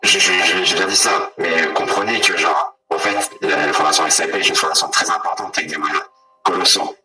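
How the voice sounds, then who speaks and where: A man playing a secretive masked former guard, speaking hesitantly through a voice changer that deepens his voice. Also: fairly even intonation, brisk, bright, forceful tone, faint music behind, poor audio. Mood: cagey. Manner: hesitant, evasive, stammering.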